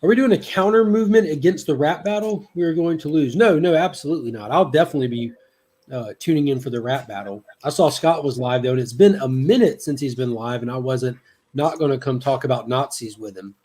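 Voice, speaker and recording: A man's voice: mid-range voice, fairly quick, dark tone. A man chats casually as a guest on a friend's livestream. He keeps the mood light with teasing jokes and laughs often as he talks. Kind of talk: casual chat.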